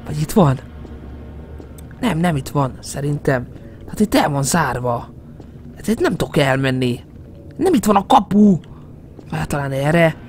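A young man with a Hungarian accent commentating a horror game, excitable and jumpy, muttering to himself between yelps. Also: a little high. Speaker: gaming YouTuber. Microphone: headset. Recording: faint game music behind.

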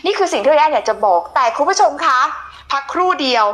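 Female talk show host, high voice, affectionate big-sister manner, conversational interviewing. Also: expressive, fast talker, fairly bright tone.

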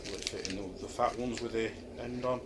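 A middle-aged man with a Yorkshire accent reviews a camping chair in his kitchen in an offhand way, thinking out loud with many ums. He speaks fairly quickly at a medium pitch with fairly even intonation, and the camera recording a few feet away is very noisy.

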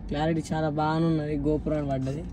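A man's voice: fairly high pitch, little pitch movement, fast talker, background noise. A man joining an unboxing as a sidekick. He jokes and teases in casual banter. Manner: joking, teasing. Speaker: co-host friend.

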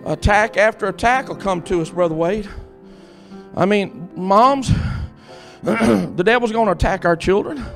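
Fervent high-voiced male preacher, gravelly. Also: unhurried, fairly bright tone, soft background music. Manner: fervent, emphatic preaching with repeated calls to the congregation. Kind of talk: sermon.

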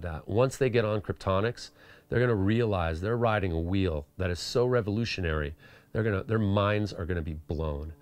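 A man's voice: low voice, dry recording. A man, a pro skateboarder, telling a casual anecdote, acting out the dialogue and filling his talk with "you know" and "like". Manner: animated, acts out quoted dialogue. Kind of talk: storytelling anecdote.

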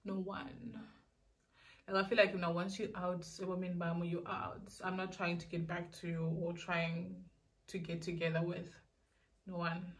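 Rambling young South African woman, slightly low. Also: level tone, unhurried. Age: young adult. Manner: rambling, repeats herself. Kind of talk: casual question-and-answer vlog. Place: small indoor room.

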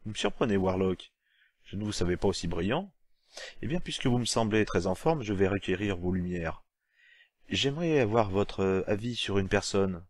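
Scheming space president, mocking and commanding, low voice, dry close read by a man. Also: expressive, normal speed, no room sound.

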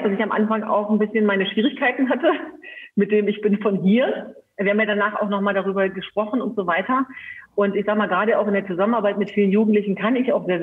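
A man speaking earnestly and with measured fillers as a guest on a live online panel discussion over a video call. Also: high-pitched. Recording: tinny phone-like video call audio.

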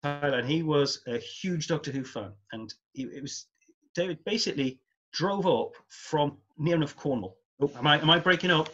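A man's voice: on the high side, normal speed, pushed and bright, muffled recording. A man in a remote interview, chatting in a rambling way with restarts while his online call audio breaks up and drops out. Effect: online call audio breaking up and dropping out. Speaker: museum founder being interviewed. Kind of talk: casual remote interview chat. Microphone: video call.

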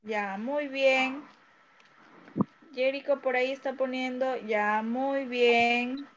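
A woman's voice: high voice, fairly even intonation, slow pace, highs cut off, a little hiss or hum. A woman with a Peruvian Spanish accent teaching young children in an online class, patiently going over an exam and checking in often. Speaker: primary school teacher. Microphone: video call.

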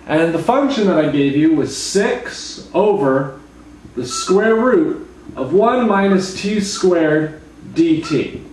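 A hungover young man gives a casual whiteboard lecture in a deadpan, slightly awkward manner. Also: on the high side, takes it slowly. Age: young adult. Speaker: calculus lecturer. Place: living room at home, indoors. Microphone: camera mic from a few feet away. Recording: roomy, distant mic, faint noise.

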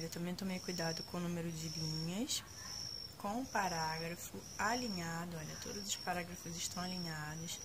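A woman's voice: lowish voice, background noise. A Brazilian woman teacher explaining a writing task in a patient, explanatory way, often checking in with tag questions. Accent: Brazilian Portuguese. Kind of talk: casual classroom instruction.

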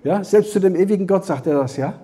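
A man giving a Bible teaching as a sermon, talking conversationally to the congregation, often checking with a quick "ja?" and restarting his phrases. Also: high voice, warm tone. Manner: conversational preaching, frequent tag "ja?", restarts. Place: church hall.

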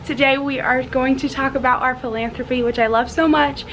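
A woman's voice: high voice, fairly even intonation, a little fast, fairly bright tone. A young woman chatting casually in a bubbly sorority-girl way for a vlog, often saying "like", recorded on a handheld camera in a small room. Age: young adult. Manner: heavy use of "like". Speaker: vlogger, college sorority member. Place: small dorm room, indoors. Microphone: handheld camera at arm's length. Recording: clear room noise on camera mic.

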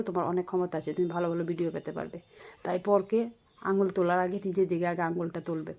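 A woman's voice: on the low side, a little mellow. A woman with a Bengali accent giving a vlog commentary, lecturing and scolding another creator with rhetorical questions. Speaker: vlogger.

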